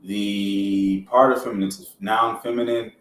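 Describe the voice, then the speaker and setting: A deep-voiced American podcast host from Georgia talks casually and occasionally reads aloud from a reference, in a level tone at a measured pace with a slightly bright quality. The recording has a roomy echo, a distant mic and faint noise.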